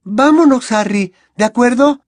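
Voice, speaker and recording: Hermione: man doing a shrill, tense schoolgirl witch. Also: measured pace, dry recording, clean studio sound. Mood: urgent. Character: frightened, insistent teenage schoolgirl witch.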